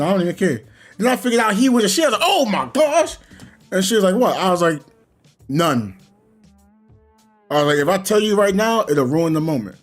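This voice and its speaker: A man streaming a game, telling a long rambling story in casual chat and acting out the people in it. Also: high voice. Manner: rambling, animated storytelling with voiced quotes. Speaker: gaming streamer. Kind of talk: casual chat while gaming.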